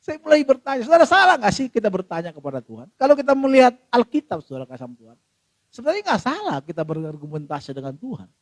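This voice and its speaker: A middle-aged male pastor preaching a sermon, telling a personal story with emotion and often addressing the congregation, swinging from loud to hushed. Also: very high voice, huge pitch swings, fairly quick, pauses often, no room sound.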